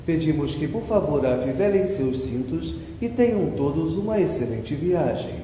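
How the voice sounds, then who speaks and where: A formal male flight announcer, played by a man, comes through a cabin loudspeaker with a measured delivery. His mellow voice sits in a very echoey space with a long reverb tail. A faint hiss runs beneath him. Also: a little high, lively intonation. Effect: aircraft cabin loudspeaker announcement.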